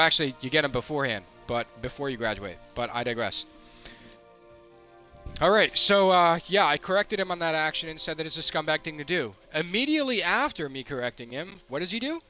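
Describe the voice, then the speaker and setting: A man's voice: fairly high pitch, bright, forceful tone. A man streaming live, angrily reading out his messages and swearing at a rival. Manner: angry, profane, reads messages aloud. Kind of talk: heated livestream rant.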